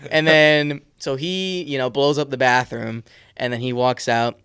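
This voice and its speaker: A man's voice: mid-range voice, fairly even intonation, measured pace, fairly bright tone, clean tone, no echo, studio quality. A man co-hosting a podcast, telling a story in a laid-back casual way. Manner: laid-back, laughs through his story. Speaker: podcast co-host.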